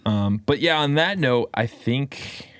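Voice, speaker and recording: A man co-hosting a podcast in casual chat, halting and repeating words as he thinks. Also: medium pitch, animated, a bit bright, clean tone, no echo. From United States. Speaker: podcast co-host.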